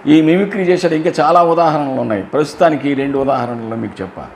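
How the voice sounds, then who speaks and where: A man's voice: fairly high pitch, a little hiss or hum. Man giving a scripture discourse. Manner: explains verses line by line to listeners; chants verses in slow drawn-out melody. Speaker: religious storyteller.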